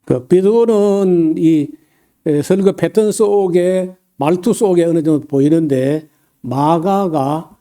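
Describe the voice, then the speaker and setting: Dark-voiced pastor preaching a sermon. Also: male voice, on the high side. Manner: halting delivery with many fillers and frequent throat-clearing; folksy, humorous asides.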